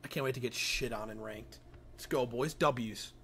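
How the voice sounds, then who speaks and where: A man's voice: medium pitch, moderate pace, fairly bright tone, slight background noise. A young man chatting casually as a game streamer in a crude, slangy frat-bro manner with lots of swearing. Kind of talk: casual livestream gameplay chat.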